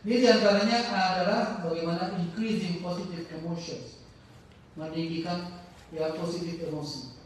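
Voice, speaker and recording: A man giving an informal religious study talk in a mosque hall, often pausing to search for words and acting out the people in his stories. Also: high-pitched, recorded from a distance, a little hiss or hum. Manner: halting, searches for words mid-sentence; animated storytelling with acted-out quotes. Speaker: religious teacher. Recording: very echoey mosque hall, heard from afar.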